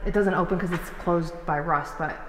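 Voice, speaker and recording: A woman's voice: lowish voice, steady tone, normal speed. A young woman giving casual commentary while exploring, talking loosely with lots of fillers, recorded on a handheld camera. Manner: chatty, filler-heavy, loose. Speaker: urban explorer vlogger. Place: large abandoned prison, indoors. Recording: echoey hall with faint noise.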